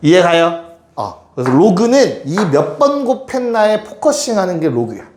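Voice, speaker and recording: A man teaches math to students, addressing them directly and repeatedly pausing to check that they follow. His voice sits high with a darkish tone, very animated, at a normal speed. The classroom is echoey, with faint noise.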